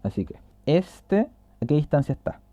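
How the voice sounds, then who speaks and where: A man's voice: fairly high pitch, very animated, normal speed, no room sound, phone-quality sound. A man explaining a tutorial in a casual way, walking through a drawing step by step and correcting himself as he goes.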